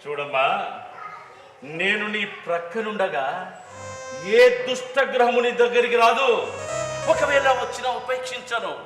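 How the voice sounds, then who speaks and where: A man playing a sly, flattering father who eggs on his daughter in a stage play. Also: very high voice, measured pace, long pauses. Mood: conspiratorial. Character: sly scheming father of the bride, astrology-minded. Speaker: stage actor. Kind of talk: stage drama acting. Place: stage in a hall. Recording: echoey hall recording with music.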